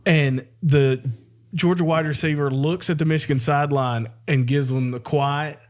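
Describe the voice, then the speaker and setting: A man's voice: a little high, steady tone, moderate pace, a little mellow. Guy rambling on a podcast, laughs a lot, restarts sentences. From American South. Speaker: podcast co-host. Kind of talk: casual chat.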